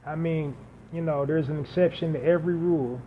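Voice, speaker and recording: A man hosts a solo podcast unscripted, building his points through emphatic repetition and lists. His voice is a little high, with a steady tone and a slightly fast pace. The audio is dull and lo-fi with a faint hiss.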